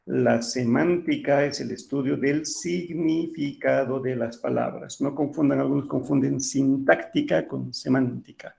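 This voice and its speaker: A man teaching an online class, his voice deeply gravelly and dark. He explains slowly and patiently, pausing often to check that his students are following. He speaks into a computer mic while drawing on screen.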